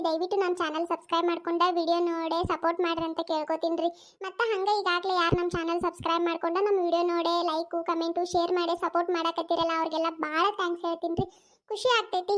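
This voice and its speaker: A woman's voice: very high-pitched, a bit bright. A woman hosting a cartoon channel, giving a polite, friendly greeting in a North Karnataka accent. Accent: North Karnataka Kannada. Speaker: channel host.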